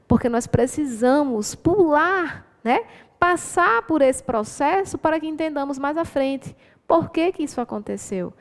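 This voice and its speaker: A woman's voice: high-pitched, big-room sound. A Brazilian woman teacher going through exam answers, explaining patiently and encouraging her students, often checking in with tag questions.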